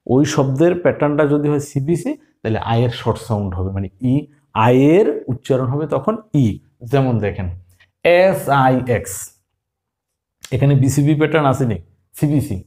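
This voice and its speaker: A man's voice: mid-range voice, lively intonation, a little fast, mellow. A man teaching English phonics in a classroom style. He asks questions, answers them himself and spells words out sound by sound.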